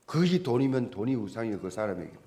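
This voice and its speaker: Lively, emphatic male pastor preaching. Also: on the low side, fast, gravelly. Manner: emphatic preaching with repeated rhetorical questions. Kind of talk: sermon.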